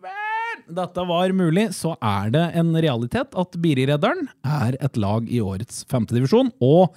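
A man reads out local football news as a podcast host. His voice is slightly high and soft-edged, with very lively intonation and playful, dry asides. The sound is close and dry. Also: dry recording. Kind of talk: casual local football chat, reading out transfer news.

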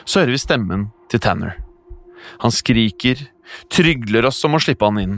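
A man tells a scripted horror story in the first person, steady and hushed. His voice is mid-pitched, with faint music running under the studio recording. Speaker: podcast narrator.

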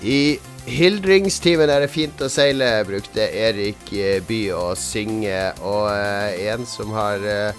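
A man's voice: on the low side, few pauses, soft background music. A man with a Northern Norwegian accent casually hosting a podcast. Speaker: podcast host.

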